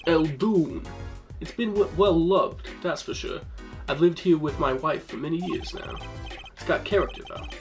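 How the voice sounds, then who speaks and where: A man's voice: on the high side, expressive, normal speed. A man voicing a rambling old cook with a doddering manner, over game music.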